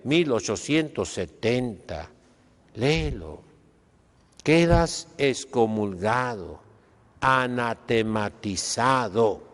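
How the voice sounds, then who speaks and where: A man with a Mexican accent delivers a sermon as a priest, speaking at an unhurried, deliberate pace in a mid-range voice. He is emphatic and preachy, tagging his points with questioning asides to his listeners. The recording carries a long hall reverb. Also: mid-range voice.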